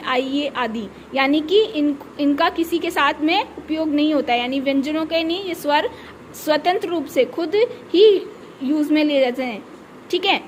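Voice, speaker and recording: High-voiced woman teaching a grammar lesson. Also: a little hiss or hum. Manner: explains step by step, repeats "ठीक है" to check in. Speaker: school teacher.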